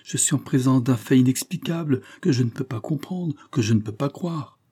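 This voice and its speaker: A man's voice: medium pitch, normal speed, warm tone, slightly rough, voice pushed up, lightly acted. A man reading an audiobook, voicing an anguished young man in love who pleads in agitated outbursts. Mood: distraught.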